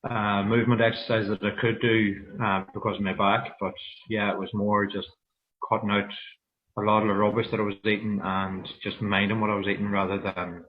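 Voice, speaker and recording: A man from Donegal, Ireland, with a local accent, is a fitness programme client guesting on a livestreamed casual personal interview held over an online video meeting. He speaks candidly and haltingly, low and flat, through muffled, lo-fi video call audio.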